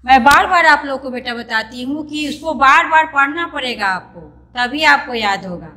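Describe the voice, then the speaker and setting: High, bright-voiced woman teaching young children. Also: expressive, moderate pace. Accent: Indian, Hindi. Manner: patient and repetitive, calls pupils "beta", spells words out letter by letter. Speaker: primary school teacher. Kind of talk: online class lesson for young children.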